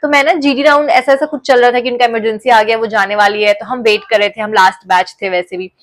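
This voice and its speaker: A young woman vlogger telling a personal story in a casual, animated way, often mixing English phrases into her talk. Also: fairly high pitch, fast talker. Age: young adult.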